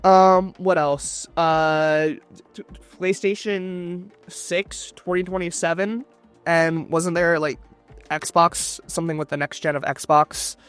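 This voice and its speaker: A man's voice: on the high side, steady tone, slow, fairly bright tone, clear, resonant tone, soft background music. A man in a casual chat, speculating and thinking aloud in short bursts.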